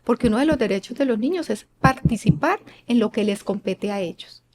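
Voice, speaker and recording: A fairly high-voiced woman talks as an expert guest in an interview. She sounds earnest and a bit like a teacher, slipping into quick acted-out lines of parents and kids. She keeps asking listeners "right?". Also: expressive, a little mellow. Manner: earnest and didactic, acting out parents and children; asks listeners rhetorical questions. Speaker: guest expert on child rearing. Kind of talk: explanatory interview talk.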